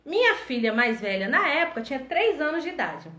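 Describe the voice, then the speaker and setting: A woman in her forties chatting casually and telling stories with animated energy. Her voice sits high and bright, and the echoey room around her gives it a ringing tail. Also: fairly quick. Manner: animated, chatty, lively reenactments. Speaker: entrepreneur and host. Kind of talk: casual storytelling chat.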